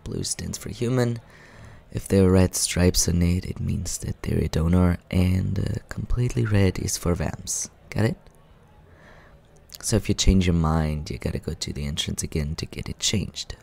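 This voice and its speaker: Speaking to the listener in a soft ASMR roleplay, a male performer takes on Scaramouche, a suave vampire with a deep, creaky voice. His low, soft tone carries a relaxed, explanatory mood, and he teases in a smooth, unhurried way.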